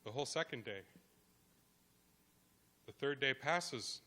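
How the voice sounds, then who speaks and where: A man telling a traditional creation story aloud, with dramatic pauses and rhythmic repetition. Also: medium pitch, animated, sharp tone. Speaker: guest speaker. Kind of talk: oral storytelling.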